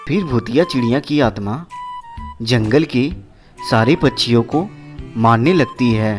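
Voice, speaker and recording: A woman narrating a children's cartoon story slowly, phrase by phrase. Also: rumbling low, over loud music. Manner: slow, phrase-by-phrase telling.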